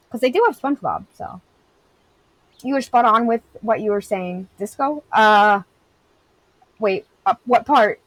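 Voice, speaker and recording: A woman's voice: a little high, no echo, rough recording. Chatty woman streamer in her thirties. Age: 30s. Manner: candid, rambling, heavy use of "like". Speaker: game streamer. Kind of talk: casual chat, reading and answering live chat.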